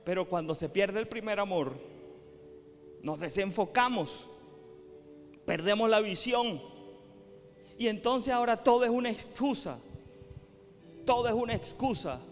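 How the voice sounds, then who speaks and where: A man pastor preaching a sermon with passion, repeating phrases for emphasis and rising to shouts. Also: sits high, lively intonation, measured pace, pauses often, long reverb tail, soft background music. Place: church sanctuary.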